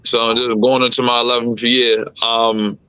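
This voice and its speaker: A man in his thirties from the Caribbean, hosting a casual interview and asking questions in a relaxed, slangy, conversational way. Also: mid-range voice, moderate pace, clean tone, dry recording, lo-fi sound. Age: 30s. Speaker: host. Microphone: remote live-stream call.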